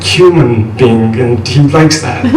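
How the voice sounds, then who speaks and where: This young adult from Nepal performs spoken word poetry in a slow, sing-song, mid-range voice, rhythmic and intense with a wry edge. He is at a live student event with an audience, heard from afar in a noisy, echoey room.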